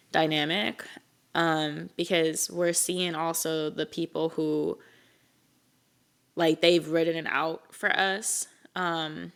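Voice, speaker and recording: A young woman co-hosts a podcast in a casual chat, her voice low yet fairly bright. She rambles, packs her speech with fillers, and laughs often.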